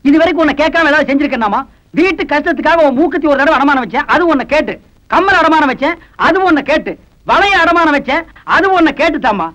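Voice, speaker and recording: A man's voice: very high voice, sharp tone. An actor playing a poor, witty village father and folk performer, wry and indignant by turns. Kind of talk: TV drama acting.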